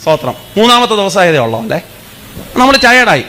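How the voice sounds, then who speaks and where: High, bright-voiced preacher man. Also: sing-song, brisk. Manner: questions the congregation and calls for praise. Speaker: pastor. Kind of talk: revival sermon. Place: church meeting.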